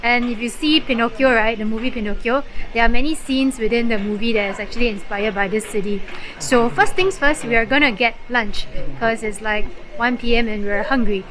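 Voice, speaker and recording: Chatty, high-voiced woman vlogging a trip. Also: a little fast, a crowd in the background, low-quality recording. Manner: chatty, explains things with fillers like "so" and "like". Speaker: travel vlogger. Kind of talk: casual travel vlog narration.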